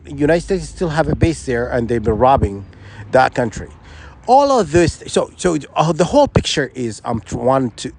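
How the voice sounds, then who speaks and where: Insistent man, lively pitch. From Sudan. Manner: insistent, rambling, many restarts and rhetorical questions. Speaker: vlogger. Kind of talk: unscripted opinion monologue.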